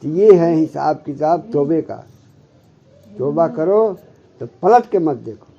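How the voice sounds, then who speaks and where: A man giving a devotional sermon as a Sufi spiritual guide, often stopping to check with his listeners and slowly reciting Arabic scripture. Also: fairly high pitch, lively intonation, gravelly, dark tone. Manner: keeps checking with listeners, "hmm?". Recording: muffled lo-fi recording.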